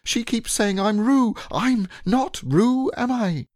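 A man's voice: extremely high pitch, animated, slow pace, voice pushed up, exaggerated voice. A man voicing a tiny, timid male piglet who talks in anxious, indignant, spluttering bursts. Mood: squeaky panicky.

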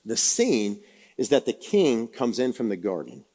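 A man preaching a sermon in a conversational, animated way, acting out Bible scenes as he goes. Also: medium pitch, unhurried, slightly rough. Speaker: pastor.

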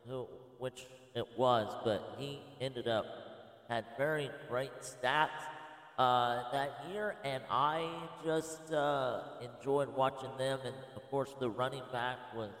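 A man in his thirties giving a casual, rambling spoken presentation with many filler pauses. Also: mid-range voice, fairly even intonation, a bit bright. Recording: echoey room with long reverb.

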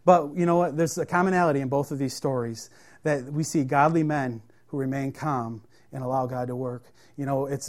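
A man's voice: medium pitch, darkish tone. A man preaching a sermon, reading scripture aloud and then explaining it in a plain, conversational way with frequent fillers and restarts. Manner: plain-spoken, halting, many fillers and restarts.

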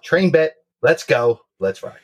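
A man co-hosting a sports betting show, pitching picks in brash, slangy, sweary bro talk. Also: big pitch swings, a little slow, background noise.

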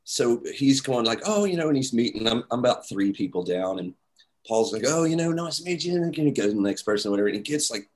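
A man telling a story in casual talk, animated, acting out quotes with many fillers. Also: lowish voice, quick pace.

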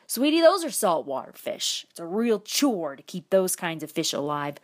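A man's voice: high-pitched, very animated, normal speed. A woman voicing a frugal no-nonsense dad. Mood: firm. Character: frugal practical father, dry and firm.

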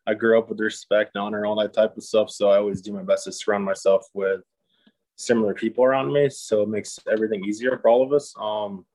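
Man, casual podcast guest, upbeat, pauses often, monotone delivery. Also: on the low side, dry recording, low-quality recording. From Japan. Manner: easygoing, upbeat, many "um" pauses. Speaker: podcast guest, disc golf player. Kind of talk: casual interview chat.

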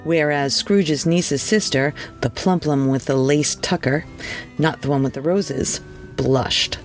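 A podcast host reading a classic holiday story aloud, measured and expressive with wry asides. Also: medium pitch, faint music behind. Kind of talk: storybook narration.

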